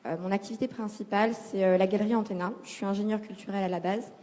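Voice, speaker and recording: Relaxed woman panelist, mellow tone. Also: mid-range voice, quick pace. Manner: relaxed, hesitant with "euh"s. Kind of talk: panel self-introduction. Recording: long hall reverb.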